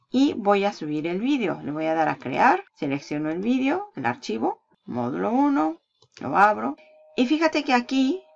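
Gravelly-voiced woman teaching onscreen steps. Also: mid-range voice. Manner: walks through steps while clicking, asks and answers her own questions. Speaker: online marketing tutor. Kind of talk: screen-recorded tutorial. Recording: dull lo-fi sound.

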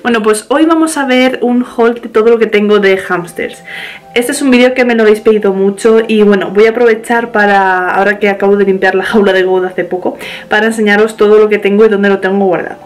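In her bedroom, a young woman who vlogs about pets gives a chatty home tour on a small handheld camera, often restarting and correcting herself. She speaks fairly quickly in a mid-range voice with a steady tone.

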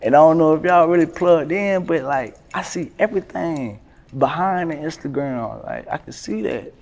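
A man, talking casually in an interview, relaxed and slangy with lots of fillers. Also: fairly high pitch, moderate pace. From North Carolina, USA. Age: 20s. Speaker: rapper, interview guest. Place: indoors by a brick wall.

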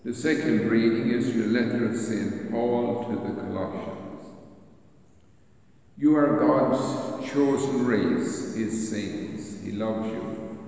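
Slow male reader in cathedral echo. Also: on the low side, steady tone, darkish tone. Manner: slow, measured, solemn reading. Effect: cathedral echo, long church reverb. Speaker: lector reading at Mass. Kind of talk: liturgical scripture reading. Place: large church. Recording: echoey church hall from far off.

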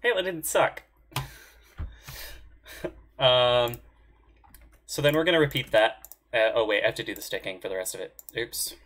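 A man's voice: medium pitch, normal speed, long pauses. A man giving a casual, thinking-aloud tutorial on writing marching band percussion parts, often humming drum rhythms with nonsense syllables. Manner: relaxed, self-deprecating, talks to himself while working. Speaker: music arranger demonstrating notation software.

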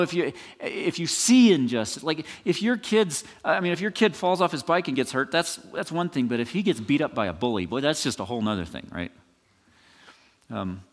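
A man preaching an expository sermon as pastor, conversational and animated, often restarting phrases and checking in with the congregation. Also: medium pitch, big-room sound.

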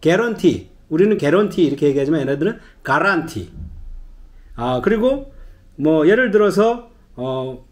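A man's voice: on the high side, expressive, a little slow. A middle-aged man giving a casual spoken language lesson, chatty and full of fillers, acting out little dialogues as he explains. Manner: chatty storytelling with many fillers, acts out dialogue. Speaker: travel guide teaching phrases.

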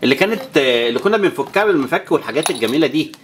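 Low, animated and racing, her voice comes through with slight background noise. She is a toy channel presenter with an Egyptian Arabic accent who talks to viewers while playing with toys next to a child, counting and making whoosh effects.

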